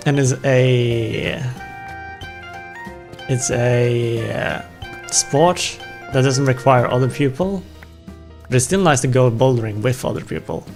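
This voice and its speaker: Slow-paced and pausing often, this young man's medium-pitched voice has a darkish tone and a non-native English accent. He rambles and jokes at his own expense while gaming on stream, music playing behind him.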